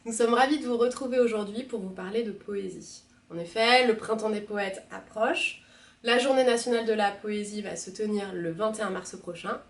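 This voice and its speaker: A woman librarian reading a poem aloud in a measured, soft expressive manner. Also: medium pitch, distant mic. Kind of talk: poetry reading. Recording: roomy, from the mic.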